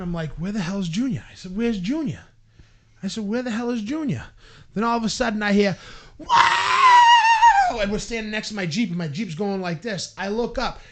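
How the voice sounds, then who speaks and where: A man tells a story in a relaxed podcast chat. He acts out what people said and shouts at the peaks. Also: high voice, gravelly. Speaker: podcast co-host.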